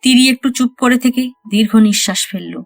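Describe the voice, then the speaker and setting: A woman reads a short story aloud in a lively, expressive way, with her voice sitting a little high. The sound is close and dry, with soft music playing behind her. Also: a little fast, vocal fry, dry recording. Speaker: narrator. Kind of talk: audiobook story reading.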